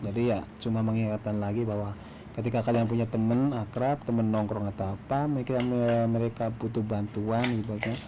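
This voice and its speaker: A man tells a story casually to camera, halting and hesitant as he goes. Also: lowish voice, fairly even intonation, mellow, a little hiss or hum. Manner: hesitant, halting delivery with throat-clearing. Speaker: food vlogger telling a story.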